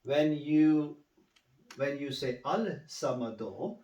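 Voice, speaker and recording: A man teaching one student, patient and unhurried, often repeating each word slowly. He sits back from the mic in a roomy space, so his voice carries a clear echo. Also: medium pitch, animated, darkish tone, distant mic, highs cut off. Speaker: Quran recitation teacher. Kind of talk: one-on-one tutoring.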